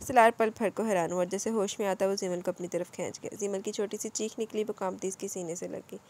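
A woman narrating a romance novel aloud at a steady storytelling pace. Her voice sits at an ordinary middle pitch, with small slips and restarts as she reads. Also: fast talker, a little hiss or hum. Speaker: audiobook narrator.

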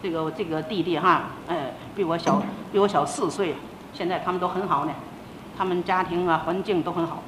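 An older woman, a senior religious teacher, delivers a sermon as a personal testimony, speaking a little fast with fairly even intonation. She tells her story with emotion and acts out the dialogue, captured on roomy old tape with a faint rumble.

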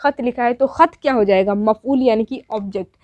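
A woman's voice: fairly high pitch, fairly quick, dark tone, dry recording. Woman teacher, dull dry lo-fi sound. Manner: repetitive, asks and answers own questions. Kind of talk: grammar lesson.

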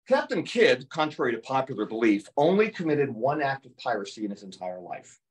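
Older male history lecturer, animated storyteller, heard from across the room. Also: medium pitch. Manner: lively storytelling, acts out quotes in playful voices. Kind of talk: museum lecture with slides. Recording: voice heard from a distance.

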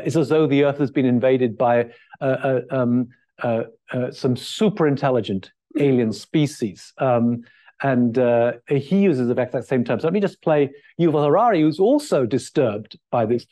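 A man's voice: medium pitch, expressive, moderate pace, mellow. A middle-aged man giving a keynote lecture at a lectern in a large hall, thinking aloud with many fillers and restarts. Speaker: keynote speaker. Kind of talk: conference lecture.

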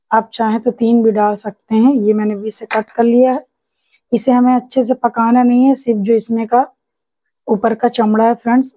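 In her home kitchen, a woman hosting a cooking channel patiently guides viewers through a recipe step by step, often calling them friends. Her voice is a little high and mellow. The recording is rough but has no echo.

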